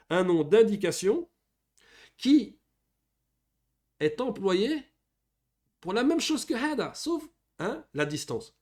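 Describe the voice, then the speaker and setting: A man giving a beginners' lesson, reading Arabic words aloud and patiently explaining each one in French. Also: fairly high pitch. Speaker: Arabic teacher. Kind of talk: classroom lesson explaining grammar.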